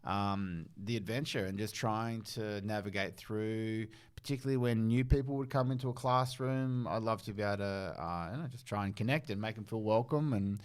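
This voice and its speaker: Aussie male co-host, lowish clear voice, loose easygoing reminiscing. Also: normal speed, few pauses. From Tasmania, Australia. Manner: warm-hearted, rambling with fillers and restarts. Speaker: podcast co-host. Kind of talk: casual nostalgic chat. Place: public library.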